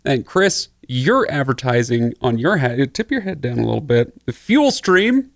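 A man's voice: medium pitch, lively intonation, moderate pace, creaky, dry recording. Easygoing male podcast host, dry studio sound. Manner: joking, easygoing banter. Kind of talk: casual podcast chat.

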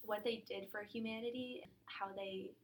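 A woman's voice: mid-range voice, steady tone, moderate pace. A young adult woman chatting casually and informally as a podcast co-host, in a library room. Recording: noisy library room recording.

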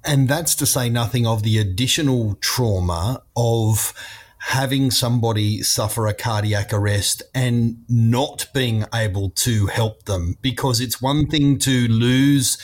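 A male host who asks long, well-phrased questions. He speaks plainly and fluently, with an even, mid-pitched voice. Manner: articulate, plain-spoken, wordy. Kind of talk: interviewer questions.

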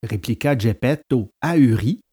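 A man narrating a children's story in an expressive, storytelling manner. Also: medium pitch, a little slow, husky. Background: soft guitar music.

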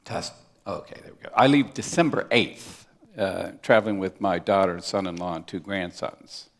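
A man's voice: low voice, moderate pace. A man, a pastor, giving brief conversational replies. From United States.

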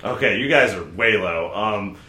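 A man's voice: fairly low pitch, lively intonation, unhurried, pushed and bright. A man with a Southern California surfer accent hosting a casual sports podcast in an echoey room. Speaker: podcast host.

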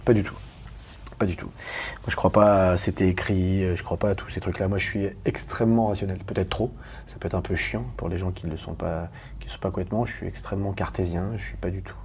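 A man from Paris, a guest talking candidly in an interview, rapid and emphatic with many restarts and questions to the listener. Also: low-pitched, steady tone, darkish tone, slight background noise. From Paris, France.

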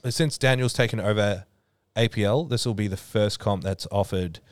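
A podcast host and powerlifting organiser talks in a clear, resonant, lowish voice at a moderate pace, with no room sound. The conversation is a casual chat in which he stays relaxed and gives long explanations peppered with fillers.

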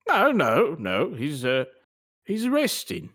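A shifty British pet shop owner put on by a man in an amateur comedy sketch, stammering through his excuses. His voice rides high and swings widely in pitch. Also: huge pitch swings, takes it slowly, fairly bright tone, full character voice. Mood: evasive. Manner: stammering, evasive. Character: evasive English male pet shop owner.

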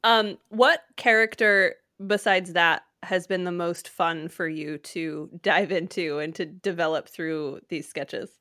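A woman hosting a casual interview, upbeat and quick to laugh, asking friendly questions. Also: on the low side, fairly even intonation, sharp tone, no room sound, clean studio sound. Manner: upbeat, laughs easily, short reactions. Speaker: interviewer host.

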